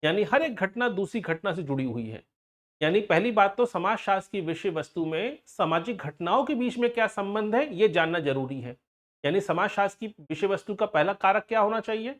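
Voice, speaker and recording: Speaking a little fast in an animated, medium-pitched voice, a sociology teacher coaches students online for exams, using everyday examples, many rhetorical questions, and direct warnings to students.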